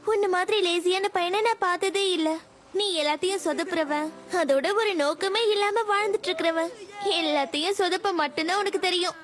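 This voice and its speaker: A woman's voice: extremely high pitch, fairly bright tone. A woman dubbing an earnest robot cat from the future in a cartoon, scolding and then tender. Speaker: dub voice actor. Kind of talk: cartoon dub acting.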